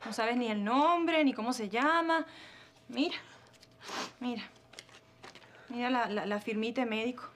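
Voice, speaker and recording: An actress playing a gossipy, sharp-tongued friend in a telenovela. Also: female voice, on the high side, unhurried, pauses often, slight background noise. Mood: soothing. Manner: gossipy, mocking and soothing. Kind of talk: telenovela acting. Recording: soap opera scene with music behind.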